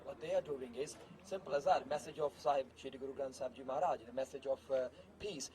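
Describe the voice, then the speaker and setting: A man's voice: medium pitch, fast talker, warm tone. A man interviewing in a devotional style, emphatic and repetitive, using reverent honorifics. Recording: noisy outdoor recording with traffic.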